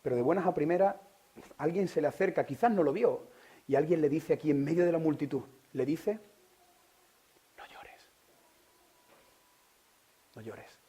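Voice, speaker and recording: Spanish preacher swinging loud to hushed. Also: male voice, on the high side, brisk, slightly rough. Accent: Spain Spanish. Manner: asks the listeners direct questions. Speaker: pastor. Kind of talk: sermon.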